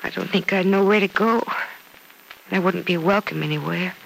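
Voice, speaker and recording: Heartbroken young woman, sorrowful, earnest, slightly gravelly voice, 1940s radio drama. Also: fairly low pitch, normal speed, a little hiss or hum, low-quality recording. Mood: grieving.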